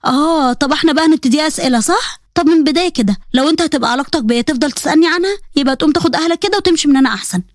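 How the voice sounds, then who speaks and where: A prickly young bride-to-be, sharp and challenging in an Egyptian accent, voiced by a woman. Her voice is fairly high and very quick. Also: dry recording, studio quality, close to an everyday voice.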